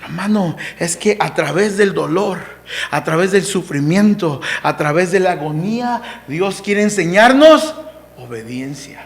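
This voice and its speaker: A man preaching a sermon as pastor, who shouts out scripture and then drops to a hushed, slow voice, calling the congregation "hermano" and "amado". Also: high voice, lively intonation, gravelly.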